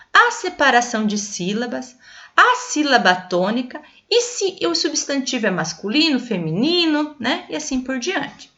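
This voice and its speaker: Brazilian woman, teacher, lively pitch, high-ish voice, patient explaining to kids, dull lo-fi sound. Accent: Brazilian Portuguese. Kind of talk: classroom lesson for children.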